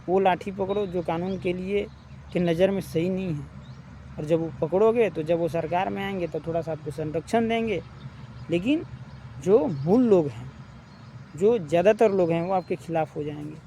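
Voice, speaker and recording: Brief: male vlogger, pitched high, argumentative and rhetorical, faint road traffic behind. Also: mellow. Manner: argumentative, asks rhetorical questions; repeats points, addresses listeners as brothers. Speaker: opinion vlogger. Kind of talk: casual spoken commentary.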